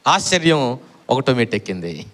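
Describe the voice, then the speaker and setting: A man's voice: mid-range voice, big pitch swings, normal speed, fairly bright tone. A middle-aged man preaching a sermon, repeating his phrases and quizzing the congregation for answers. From Andhra Pradesh, India.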